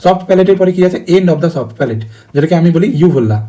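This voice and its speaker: A male teacher giving a lesson in a brisk way, asking and answering his own questions and checking in with his students again and again. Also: high voice, lively intonation, warm tone. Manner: repeats key terms, checks in with "okay?". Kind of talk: online lesson.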